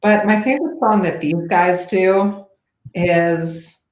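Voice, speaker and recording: A shy woman answers in casual chat with a light laugh. Her voice sits low for a woman, and the room around her is echoey. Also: slow.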